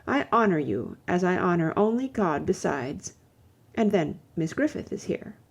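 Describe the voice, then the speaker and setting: A woman reading a classic novel aloud in the first person, measured and expressive. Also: lowish voice, vocal fry, slightly rough. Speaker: audiobook reader. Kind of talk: first-person literary audiobook narration.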